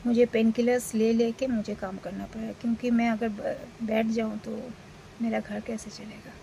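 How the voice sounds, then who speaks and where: A woman's voice: a little high, flat delivery, moderate pace, creaky, mellow, slight background noise, low-quality recording. A woman in her forties from India, talking casually to camera as a vlogger, rambling with fillers and restarts, while unwell. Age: 40s.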